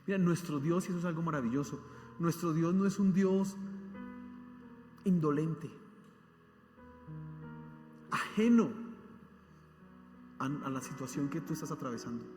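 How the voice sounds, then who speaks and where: High-voiced preacher in an echoey hall. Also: male voice, measured pace, long pauses, darkish tone. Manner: emphatic, asks the congregation rhetorical questions. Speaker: pastor. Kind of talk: sermon. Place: church. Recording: echoey hall with faint music.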